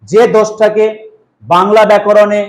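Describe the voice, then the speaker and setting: A male teacher giving an exam-prep grammar lesson, asking questions and then answering them himself in a drawn-out explaining way. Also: sits high, little pitch movement, echoey room, low-quality recording.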